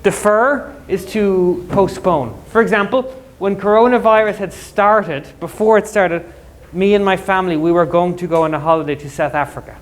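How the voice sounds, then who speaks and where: A male English teacher in a school classroom, explaining words to students with quick, jokey everyday examples. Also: sits high.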